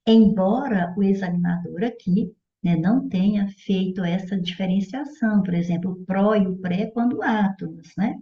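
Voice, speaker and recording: A woman's voice: mid-range voice, normal speed. Brazilian woman, grammar teacher, patient and didactic, keeps checking understanding; dull, roomy recording. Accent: Brazilian Portuguese. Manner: didactic, checks in with "certo?" and "olha". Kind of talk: explanatory exam-prep lesson. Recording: dull echoey room audio.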